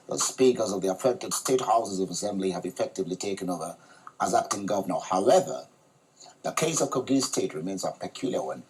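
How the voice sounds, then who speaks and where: A man hosting a studio talk show, reading a news report in a measured, formal way. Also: fairly low pitch, breathy edge, poor audio.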